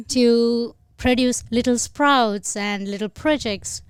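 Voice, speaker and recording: A woman from Sri Lanka, a podcast guest, explaining her program in a measured way with some hesitant fillers. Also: a little high, smooth, no echo, clean studio sound. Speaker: guest, incubator head. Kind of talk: podcast interview.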